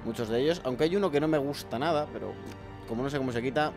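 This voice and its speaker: A man's voice: mid-range voice, rapid-fire. A young man with a sore, strained throat, rambling casually to viewers over gameplay and swearing freely. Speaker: gameplay YouTuber. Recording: faint music behind.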